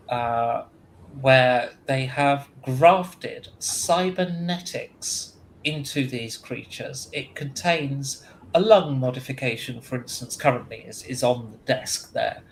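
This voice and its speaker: Man, game master, slow narration, halting, mid pitch, faint background hiss. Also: rough recording. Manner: slow, halting with ums and uhs.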